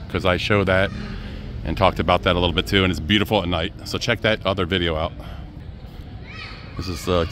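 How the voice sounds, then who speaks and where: A man vlogging as he walks through city streets, talking to his viewers in an easygoing, chatty way. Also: deep voice. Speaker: travel vlogger. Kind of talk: casual walking-tour narration. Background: faint street and traffic noise.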